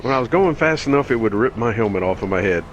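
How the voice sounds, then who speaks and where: Relaxed man explaining over faint noise. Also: lowish voice, quick pace, muffled recording. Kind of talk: casual chat.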